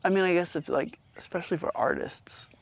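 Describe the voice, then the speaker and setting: A man hosting a casual interview, mostly giving short, relaxed affirmations and questions. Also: high voice, a little fast, vocal fry, no echo. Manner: relaxed, brief affirming replies. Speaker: host, musician.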